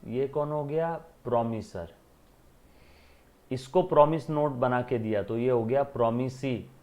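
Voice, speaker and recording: Commerce teacher guy lecturing, keeps asking clear? and answering himself. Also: medium pitch, measured pace, a little mellow. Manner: repeats questions and answers them himself, calls students beta. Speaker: accounting teacher. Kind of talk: classroom lecture.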